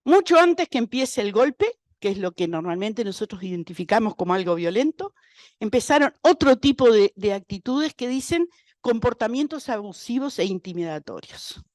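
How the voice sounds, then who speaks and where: Lively Uruguayan woman giving a public talk. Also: fairly high pitch, moderate pace, dry recording. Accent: Uruguayan Spanish. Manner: asks the audience rhetorical questions; acts out quoted dialogue in changing voices. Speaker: speaker on domestic violence. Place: university lecture hall.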